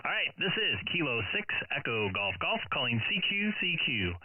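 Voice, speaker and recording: A man working as a ham radio operator, calling CQ from his home radio shack in a measured on-air cadence and spelling his call sign phonetically. His voice comes through with a radio-room sound and static. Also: fairly high pitch, very animated. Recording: tinny phone-like sound, faint static hiss.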